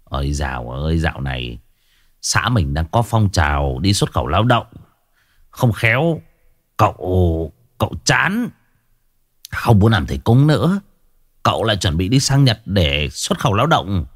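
A man's voice: deep voice, sing-song, unhurried, no echo, studio quality, heavily acted. A man doing a nosy gossiping villager. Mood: teasing. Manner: teasing, curious.

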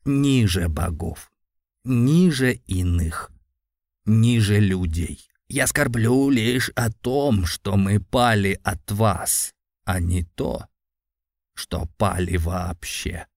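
A man voicing an exhausted, defiant old clan patriarch near death in an audiobook, speaking weakly in a slow, solemn mutter. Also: on the low side, gravelly, a little mellow, no echo, clean studio sound, full character voice. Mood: solemn defiance. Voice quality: weak, muttering. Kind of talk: audiobook character voice.

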